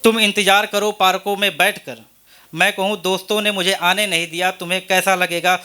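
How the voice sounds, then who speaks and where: A man's voice: high-pitched, flat delivery, brisk, pushed and bright, clean tone. A man at an open mic reciting a long, repetitive poem line by line, with a Hindi accent. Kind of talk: reciting poetry. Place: open mic event venue.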